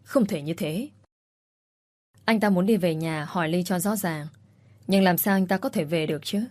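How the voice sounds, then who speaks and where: A woman narrating a dramatic story in a steady, even way. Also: on the low side, brisk, dry recording. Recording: soft background music.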